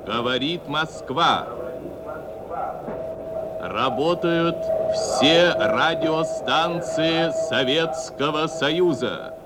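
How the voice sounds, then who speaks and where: A man's voice: on the high side, very slow, heavy background noise. A man making an official radio announcement in a solemn, declamatory manner, on an archival broadcast.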